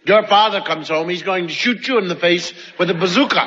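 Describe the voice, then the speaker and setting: A man putting on a fed-up mother who scolds her son in an exasperated half-shout. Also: sits high, fairly quick, heavy background noise, natural voice. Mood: scolding. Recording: live show in a hall, dull sound, audience.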